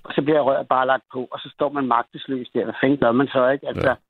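A man's voice: mid-range voice, level tone, dry recording. A man calling a radio show to tell a personal story, agitated and rambling, with many restarts and fillers. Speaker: caller. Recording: tinny phone line.

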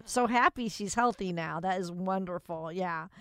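A woman's voice: lowish voice, moderate pace, fairly bright tone, clear, resonant tone, dry recording. A woman co-hosting a financial radio show, reading out topics and chatting in an upbeat way. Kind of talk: casual radio chat.

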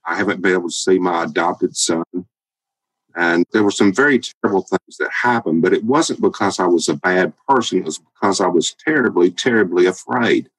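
A man's voice: low voice, a little fast, no room sound, low-quality recording. A man in his fifties with a Southern Alabama accent, a guest telling his story plainly and candidly in a podcast interview. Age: 50s.

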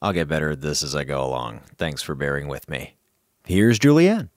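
A man's voice: rumbling low, big pitch swings, moderate pace, no room sound, studio quality. A man hosting a vlog, narrating in a scripted, personal style. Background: clear music.

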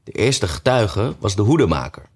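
A man reading a storybook aloud, relaxed and pausing with small hesitations. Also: lowish voice, slightly rough.

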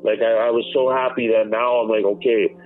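A man speaks over a thin, phone-like line, a former inmate recounting events for an interview. He talks bluntly and emphatically, doubling back on his words and swearing now and then. Faint music sits beneath his voice, and his pitch is of middling height. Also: level tone, a little fast.

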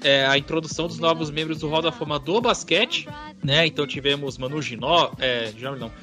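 A man's voice: a little high, fairly quick, sharp tone, soft background music. A man with a Brazilian accent co-hosting a podcast, chatting casually about sports. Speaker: podcast co-host.

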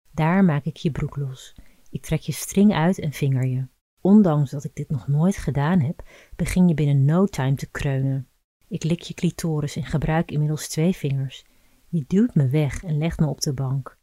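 A woman narrates a scripted story in a low, mellow voice. Her delivery is calm and even, close and intimate. The sound is dry and close, with no room around it. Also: dry recording. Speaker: podcast narrator.

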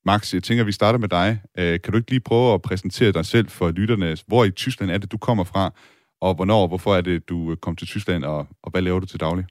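A man's voice: low voice, no room sound, studio quality. A man hosting a podcast, asking his guests curious questions. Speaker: podcast host. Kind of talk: interviewing guests.

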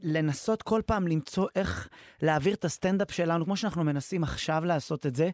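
A man's voice: on the high side, a little mellow, no room sound, studio quality. A man hosting a chat show, a stand-up comedian telling stories and acting out dialogue. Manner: storytelling, acts out dialogue. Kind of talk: casual chat.

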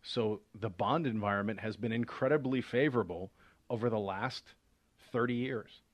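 A man's voice: medium pitch, dry recording. A man, a financial advisor hosting a radio show, explains investing in a conversational way, with many fillers and restarts. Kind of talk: casual explanatory radio talk.

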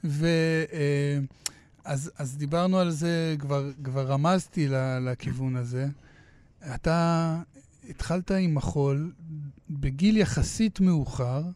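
Clear, higher-voiced male interviewer. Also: warm tone, dry recording. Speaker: interviewer, host. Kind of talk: casual conversational interview.

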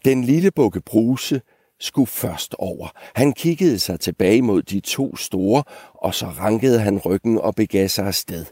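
Mellow man reading a fairy tale. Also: on the low side, breathy edge, no echo, studio quality. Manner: expressive storytelling. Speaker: storyteller.

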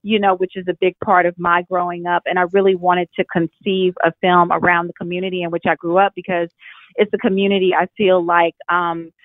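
A woman's voice: lowish voice, little pitch movement, brisk, dry recording. A young woman from Texas, a film director, talking reflectively with many fillers during an interview. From Fort Worth, Texas. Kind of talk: interview over a phone line. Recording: tinny phone line.

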